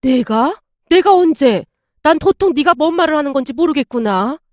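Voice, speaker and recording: A woman's voice: sits high, lively intonation, normal speed, dry recording, studio quality. A woman voicing an elderly widowed grandmother who speaks with indignant, old-fashioned phrasing. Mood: defensive.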